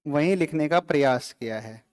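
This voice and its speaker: High-voiced teacher quizzing a class. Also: male voice, expressive, darkish tone. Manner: quizzing students with quick questions and answers; casual, joking with the class. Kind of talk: live classroom lecture.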